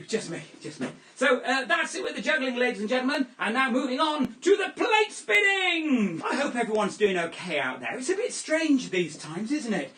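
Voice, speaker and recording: A man's voice: on the high side, a bit bright, distant mic, slight background noise. A man performing a children's juggling show with playful, jokey, theatrical patter. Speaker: children's entertainer. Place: home room during lockdown. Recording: echoey room, voice a little off-mic.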